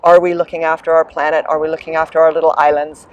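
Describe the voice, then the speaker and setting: A woman's voice: sits low, little pitch movement, fast, highs cut off. A middle-aged woman from New Zealand, answering interview questions with upbeat, enthusiastic energy about her business. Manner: enthusiastic, upbeat, warm promotional tone. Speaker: land sailing business coordinator, guest.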